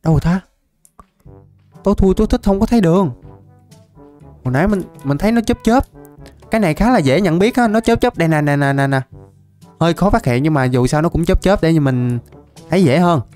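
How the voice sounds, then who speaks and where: A young man, chatting casually as he plays a game, laughing often and repeating words in quick bursts. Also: a little high, animated, a little mellow, faint music behind. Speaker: gaming YouTuber. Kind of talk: casual Minecraft let's-play commentary.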